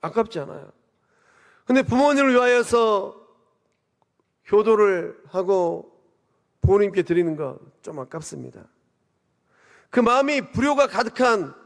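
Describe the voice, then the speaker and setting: High-voiced preaching man in a reverberant church. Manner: preaching with rhetorical questions and swelling emphasis. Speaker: pastor. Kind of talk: sermon. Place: church sanctuary. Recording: long reverb of a church hall.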